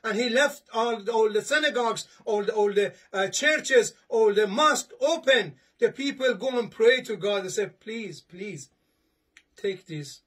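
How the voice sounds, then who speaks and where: Unhurried and a bit bright, the husky high voice of an imam preaching a Friday sermon fills an indoor study with bookshelves along the walls. He reads from papers and gestures, earnest and repetitive with many restarts, captured by a camera a few steps in front.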